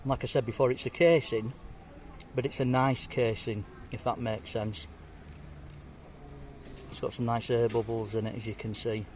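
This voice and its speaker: A chatty, jokey man reviews fish and chips to camera from an outdoor table, his voice sitting at a middle pitch. Faint street and traffic noise hums behind him. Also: flat delivery, normal speed, pauses often, darkish tone. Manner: chatty, jokey, talks while eating. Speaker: food vlogger. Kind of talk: casual food review to camera.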